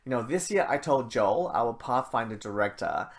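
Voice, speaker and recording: At a church service streamed live, a pastor from Malaysia reads the notices ahead of his sermon, then prays. His medium-pitched voice is expressive and gravelly, and his manner is chatty and self-mocking, full of quick asides.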